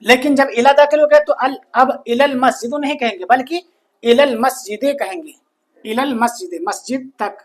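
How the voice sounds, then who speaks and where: A man teaching a grammar lesson, slowly repeating each phrase and answering his own questions. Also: very high-pitched. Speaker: Arabic teacher.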